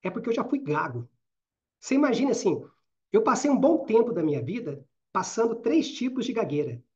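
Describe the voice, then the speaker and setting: Man, middle-aged, Minas Gerais accent, live online training talk, fast and chatty, slightly dull lo-fi audio. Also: high voice, very animated. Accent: Minas Gerais Portuguese. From Brazil. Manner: talks fast, with frequent "né?" and "certo?" tags. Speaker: career and networking trainer.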